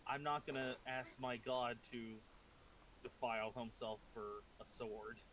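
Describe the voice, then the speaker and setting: Guy at a dnd session, casual roleplay talk, average pitch, faint noise. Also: steady tone, unhurried, fairly bright tone. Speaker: tabletop game player. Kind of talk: casual in-character role-play.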